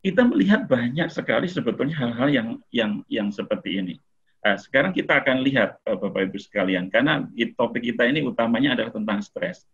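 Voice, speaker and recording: Husky middle-aged man lecturing on a video call. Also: mid-range voice, lively intonation, fast talker, a bit bright. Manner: conversational, with many filler "eh"s and light chuckles. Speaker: webinar speaker on mental health. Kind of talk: casual lecture to an online audience. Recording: muffled lo-fi video-call audio.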